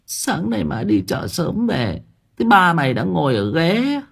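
A man's voice: a little high, sing-song, unhurried, vocal fry, husky, pitched above the performer's own voice, heavily acted. A man putting on a wailing, frantic wife. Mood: tearful, bitter. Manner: wailing and sobbing. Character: grieving frantic middle-aged wife.

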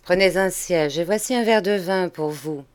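A woman's voice: lowish voice, normal speed, natural voice. A woman voicing a grave middle-aged male lawyer who questions firmly and presses for answers, in a storybook reading. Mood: coaxing.

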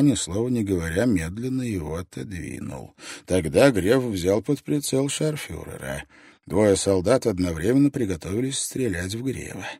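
Expressive deep-voiced male narrator. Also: gravelly, breathy edge, dry recording, studio quality. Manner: expressive, tense. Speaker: audiobook narrator. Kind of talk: dramatic narration of a novel.

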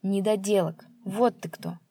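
A woman's voice: a little slow, warm tone, slightly rough, dry recording, clean studio sound. A woman voicing a spiteful old male pensioner who screeches and jeers at his son. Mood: abusive. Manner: shrill, screeching, jeering.

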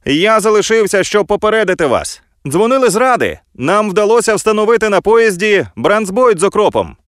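A man's voice: sits high, big pitch swings, fairly quick, a bit bright, no echo, clean studio sound, pitched above the performer's own voice. A man voicing a cautious mine foreman who answers in short, clipped phrases. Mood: wary. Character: wary male mine foreman, cautious and brisk.

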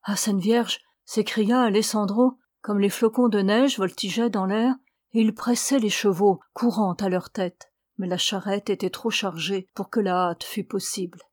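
A woman reading a novel aloud as an audiobook, in a measured, even delivery. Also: medium pitch, dry recording, studio quality. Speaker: audiobook reader.

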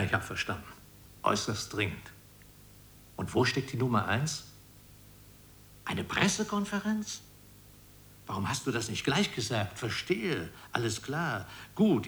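A coarse, no-nonsense justice minister handles a phone call with blunt, matter-of-fact talk in a radio play. His voice sits at a middle pitch and moves in a lively way. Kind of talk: 1990s radio play satire.

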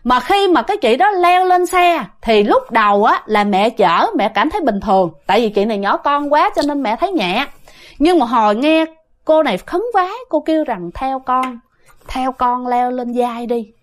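A woman with a Southern Vietnamese accent telling a ghost story to her listeners in a lively, dramatic, casual way. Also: high-pitched, moderate pace.

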